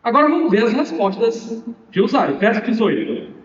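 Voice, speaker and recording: A man's voice: very high voice, big pitch swings, moderate pace. A man with a Brazilian Portuguese accent, preaching a sermon as pastor and speaking emphatically with rhetorical questions. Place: church hall. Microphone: distant. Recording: echoey hall, distant mic, dull sound.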